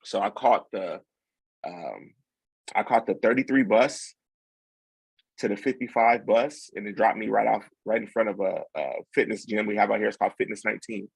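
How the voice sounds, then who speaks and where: Gravelly low-voiced young man telling a story. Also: normal speed, no echo, rough recording. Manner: relaxed, rambling with many fillers and restarts. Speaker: podcast guest. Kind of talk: casual storytelling.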